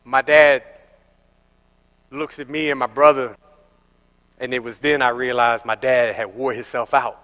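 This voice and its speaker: Young guy pastor, sermon w lots of storytelling, bright tone, long church echo. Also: mid-range voice, a little slow, pauses often. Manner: animated storytelling, acting out voices. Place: large church hall. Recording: echoey church hall.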